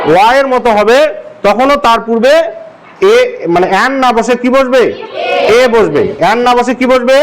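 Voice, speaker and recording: A man's voice: very high-pitched, noisy background. A male English teacher from Bangladesh giving a classroom grammar lesson, asking the class the same question again and again. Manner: drills the class with repeated questions.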